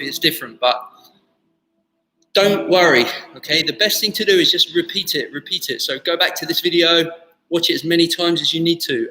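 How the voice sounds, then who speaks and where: A man's voice: fairly high pitch, pushed and bright, a little hiss or hum. A man instructing a live online tai chi class, reassuring and informal, often repeating his words. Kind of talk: live online movement class, step-by-step instruction and casual chat. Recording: echoey reverberant room, faint music.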